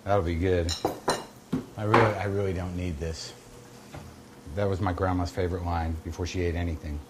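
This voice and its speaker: A man's voice: low voice, fairly even intonation, normal speed, very noisy. A middle-aged American man hosting a casual comedy cooking show, chatting through steps and anecdotes in a wry, blunt, profane, conversational way.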